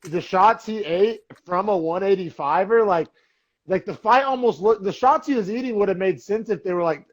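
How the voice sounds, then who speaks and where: A man's voice: high-pitched, moderate pace, dull audio. A young man co-hosting a sports podcast, talking in a loose, rambling way with lots of fillers. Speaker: podcast co-host. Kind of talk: casual sports chat.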